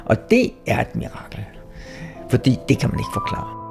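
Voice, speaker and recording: A man recounting a story in a measured way, with hesitant pauses. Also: medium pitch, very animated, gravelly, music in the background. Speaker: interviewee. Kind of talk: reflective storytelling.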